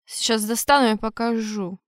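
A woman's voice: on the high side, steady tone, slow pace, clear, resonant tone, no room sound, clean studio sound. A woman voicing a possessed young female elf whose voice swings between wailing, drunken slurring and cold threats.

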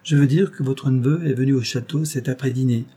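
A man's voice: mid-range voice, steady tone, fairly quick, warm tone, breathy edge, lightly acted. A man reading a classic novel aloud, voicing a sly young wife who answers her husband with hesitant, embarrassed replies. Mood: explaining. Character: young charming lady, evasive and sly. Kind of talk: audiobook character reading.

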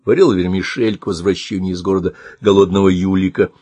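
A man narrating an audiobook in a measured, expressive reading. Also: deep voice, no echo.

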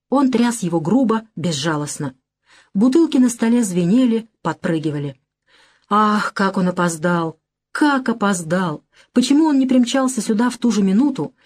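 A woman narrating a novel in a steady, measured audiobook reading. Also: medium pitch. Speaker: audiobook reader. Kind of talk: literary narration.

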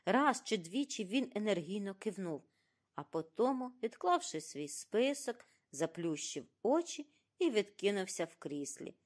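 A woman narrates a detective audiobook with an expressive, animated delivery. Her voice sits at a middle pitch, and her intonation rises and falls in lively swings. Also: a little slow.

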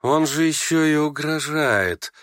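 A man's voice: fairly high pitch, takes it slowly, a bit bright, no echo, studio quality, pitched above the performer's own voice. A man reading aloud, voicing a bitter young man who snaps at his father scornfully. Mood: angry. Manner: scornful, snapping. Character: young man, bitter, sharp-tongued son.

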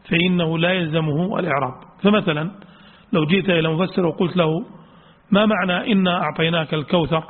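A man giving a religious studies lecture on Quran exegesis, explaining a text, repeating key points and reading quotes aloud. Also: a little high. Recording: tinny lo-fi lecture recording with long hall reverb.

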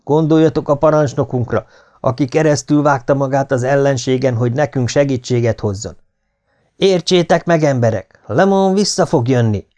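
A man's voice: mid-range voice, a little mellow, pitched above the performer's own voice, close to an everyday voice. A man reading an audiobook voices a resolute army doctor who speaks firmly and commandingly. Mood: stern. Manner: firm and commanding.

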